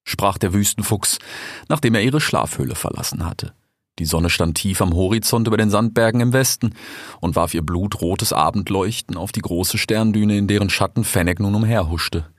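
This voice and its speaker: A man narrating a fairy tale audiobook in a measured, storytelling manner. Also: fairly low pitch, dry recording, studio quality.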